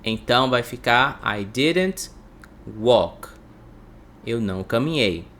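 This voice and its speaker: A man teaching English to Portuguese speakers, breaking phrases into slow drills and repeating words for the listener. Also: medium pitch, expressive, a bit bright.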